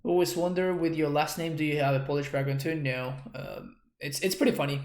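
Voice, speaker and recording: This Argentine streamer, a native Spanish speaker, talks in Spanish-accented English with a fairly high, gravelly yet slightly mellow voice at a slightly quick pace. The sound is reverberant. As he plays, he comments casually on his own moves, musing aloud with self-deprecating humor and frequently starting over mid-thought.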